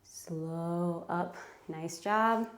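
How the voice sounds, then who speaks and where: Out of breath lady coaching a home workout, lowish voice, echoey room. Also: extremely slow. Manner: encouraging, counts reps, chatty asides. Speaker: fitness instructor. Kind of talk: guided home workout instruction.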